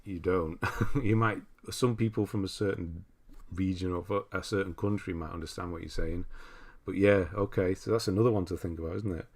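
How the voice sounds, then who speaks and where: A deep-voiced, slightly mellow man hosts a casual livestream, speaking at normal speed with a steady tone and few pauses. He rambles and thinks aloud, often drifting into asides while reading out viewer messages and commenting on game lists.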